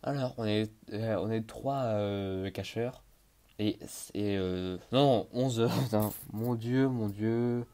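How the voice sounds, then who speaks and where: Slow, hesitant man commentating a game. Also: lowish voice, warm tone. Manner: hesitant, many fillers, talks to himself, bursts of panicked exclamations. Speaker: gaming YouTuber. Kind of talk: casual gameplay commentary.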